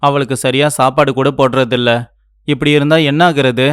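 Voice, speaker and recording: A man's voice: medium pitch, level tone, fairly quick, smooth, dry recording, clean studio sound, close to an everyday voice. A man voicing a kind young husband in a cartoon story, speaking in an earnest, pleading manner. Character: kind young husband defending his wife. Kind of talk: cartoon voice acting.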